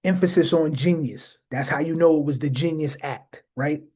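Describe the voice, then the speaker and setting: A man's voice: fairly high pitch, normal speed, a little mellow. A man hosting a casual explainer talk, speaking emphatically to his viewers and often repeating phrases for stress. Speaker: host.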